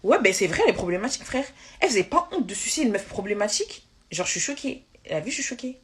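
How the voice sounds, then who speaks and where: Woman, irritated, heated live-stream rant, fast tangled slangy speech, restarts. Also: mid-range voice, big pitch swings, slight background noise.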